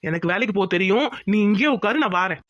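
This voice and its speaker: A woman voicing a young village man in a cartoon, a hungry, doting son and caring husband who talks fast, pleading and teasing. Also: mid-range voice, expressive, no room sound, dull audio, close to an everyday voice. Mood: concerned husband. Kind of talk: Tamil cartoon voice acting.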